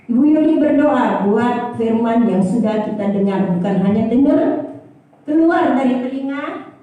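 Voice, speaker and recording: A woman's voice: medium pitch, recorded from a distance. Older woman preaching in an echoey church. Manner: lively, repeats the key phrase, asks the congregation questions. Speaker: pastor. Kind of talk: sermon. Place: church hall.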